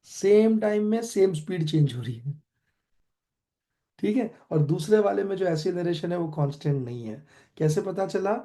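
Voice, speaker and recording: A man's voice: high voice, lively intonation, normal speed, dark tone. A young adult man with an Indian accent teaching a physics class, quizzing students as he goes and mixing Hindi with English. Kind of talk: online class lecture.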